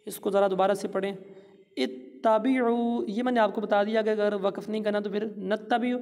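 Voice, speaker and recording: A man teaching Quran reading, spelling out syllables slowly and stretching the recited words. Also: high-pitched, level tone, darkish tone, in a large hall. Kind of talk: slow letter-by-letter Quran recitation lesson.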